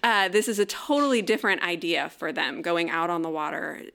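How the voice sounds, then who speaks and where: A woman co-hosting a casual Bible discussion, talking in a lively, playful way and acting out quotes. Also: on the low side, brisk, vocal fry. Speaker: Bible study podcast co-host.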